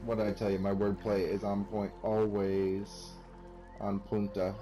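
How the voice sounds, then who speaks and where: A man talks over his gameplay in a low, mellow voice, rambling from one wry joke to the next. He mocks himself and the game in a casual, offhand way. Faint music plays behind him. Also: level tone, a little slow, poor audio. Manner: wry, rambling, self-mocking jokes. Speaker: let's play commentator.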